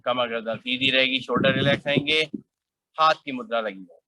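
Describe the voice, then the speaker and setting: A middle-aged man leading a guided yoga class outdoors, calmly instructing and counting breaths aloud in a steady rhythm. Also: medium pitch, a little fast, no echo, poor audio.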